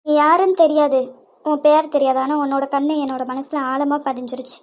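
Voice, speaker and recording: A woman voicing a sweet, trusting young girl in a cartoon, speaking softly with a Kanyakumari Tamil accent. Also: high voice, steady tone, brisk, natural voice. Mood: tender. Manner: soft, earnest, devoted.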